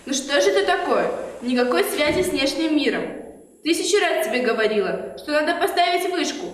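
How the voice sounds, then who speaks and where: Woman playing a spiteful high-voiced snow queen, echoey. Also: expressive, brisk. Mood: irritated. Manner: haughty, theatrical scolding. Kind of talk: theatrical children's fairy-tale stage play. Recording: distant, very echoey hall, faint noise.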